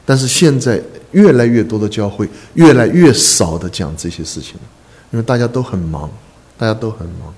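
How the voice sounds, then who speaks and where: A man preaching a sermon to a congregation, earnest, repeating phrases and filling pauses with drawn-out "ah" sounds. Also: fairly low pitch, lively intonation, darkish tone. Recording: echoey hall reverb.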